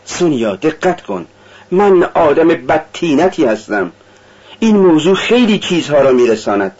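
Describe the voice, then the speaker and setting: A man's voice: on the high side, very animated, darkish tone, breathy edge, highs cut off, pitched above the performer's own voice. A man reading an audiobook, voicing a brooding, tormented young man in an intense, confessional tone. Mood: bitter.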